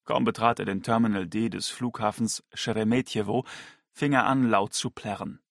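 A man narrating an audiobook in a measured, storytelling manner. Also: lowish voice, fairly even intonation, vocal fry, no room sound, studio quality.

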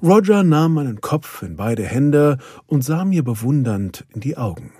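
A man reads a storybook aloud, unhurried and expressive, his pitch moving freely up and down. His voice has a soft husk, recorded close and dry. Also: slightly rough, no room sound. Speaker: audiobook narrator. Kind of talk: first-person story narration as a dog.

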